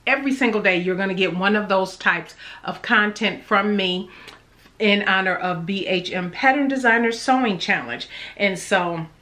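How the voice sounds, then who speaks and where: A middle-aged woman with a bright, forward voice chats casually to her channel's viewers at a medium pitch. Her mouth is numb and a little swollen from the dentist, so her articulation is slightly off. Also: normal speed. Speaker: sewing channel host. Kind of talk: casual chatty vlog to camera. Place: small indoor room at home.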